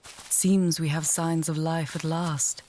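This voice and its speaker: A woman voices a wry, confident fantasy mage and healer in an audio roleplay addressed to the listener, caring but dryly teasing, and measured and articulate. Her low voice is mellow with little pitch movement, and there's a faint hiss or hum.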